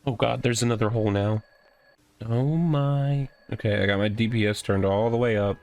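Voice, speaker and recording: Game music plays as a man hosting a let's play gives wry, casual commentary, muttering exclamations and reading the game's text aloud. He speaks at a normal speed with a lowish voice and a darkish tone.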